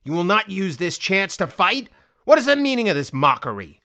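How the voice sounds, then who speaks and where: A man playing a defiant warrior commander in a fantasy audiobook, with a hoarse, cracking but strong voice and an impassioned, oratorical delivery. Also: high-pitched, big pitch swings, moderate pace, sharp tone, heavily acted. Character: defiant, fervent male warrior commander rallying his army. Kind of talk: dramatic fantasy audiobook acting.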